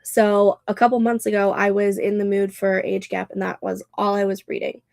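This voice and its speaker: A woman in her thirties hosts a casual livestream, reading chat comments aloud and laughing often, her voice nasal and congested. She speaks at normal speed in a mid-range, darkish voice with vocal fry and flat delivery, recorded dry with clean studio sound.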